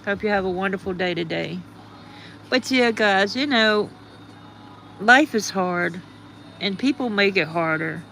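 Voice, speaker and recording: A woman's voice: medium pitch, a little slow, gravelly, pauses often, fairly bright tone, a little hiss or hum. A woman hosting a livestream with a groggy morning voice, rambling casually and greeting her viewers. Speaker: livestream host.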